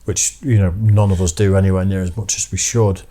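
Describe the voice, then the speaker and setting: A man's voice: sits low, flat delivery, a little fast, dark tone. A man from Britain co-hosting a casual chat, opinionated and dryly joking. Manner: opinionated, dry jokes. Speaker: co-host.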